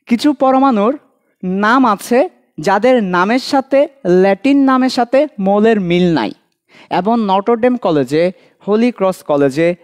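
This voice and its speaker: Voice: medium pitch, a little mellow. A teacher with a Bangladeshi accent giving an online admission-prep chemistry lesson. The teacher repeats key points, quizzes students directly and adds light jokes. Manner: light joking asides.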